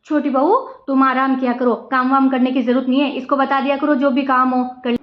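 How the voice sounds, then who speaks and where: A woman's voice: high voice, level tone, fairly quick, slight background noise, lightly acted. A woman playing a domineering mother-in-law who scolds and taunts her daughter-in-law, in an echoey room with slightly dull sound. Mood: scornful.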